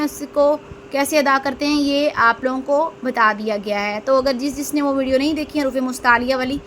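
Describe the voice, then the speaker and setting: A woman teaching Quran reading in a slow step-by-step lesson, drawing out each letter sound and answering her own questions. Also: high voice, fairly bright tone, a little hiss or hum. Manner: drills letters aloud, drawn out and stressed; asks questions then answers them herself.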